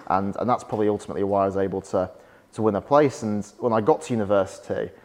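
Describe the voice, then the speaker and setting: A young adult man from West Yorkshire, England, speaks with a softened Yorkshire accent in a lowish voice as a podcast guest and startup founder. In casual interview chat, he tells stories quickly with fairly even intonation, using "like" as a filler often.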